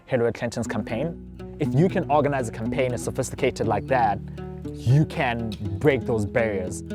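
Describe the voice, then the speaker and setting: A man in his twenties with a South African accent, a student telling his story in an interview. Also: mid-range voice. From Johannesburg, South Africa. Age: 20s. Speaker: college student. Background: soft background guitar music.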